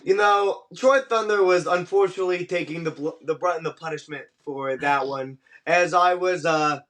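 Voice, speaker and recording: A man speaking as an interviewed pro wrestler, giving casual, measured and diplomatic answers in a conversational way. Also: fairly high pitch, fairly bright tone.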